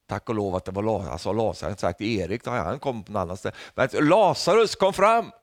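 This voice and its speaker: A man preaching a sermon, lively and humorous, often tagging lines with a questioning "va?", and rising to loud calls when he quotes. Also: on the low side, dry recording, clean studio sound. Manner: rises to loud calls when quoting Jesus.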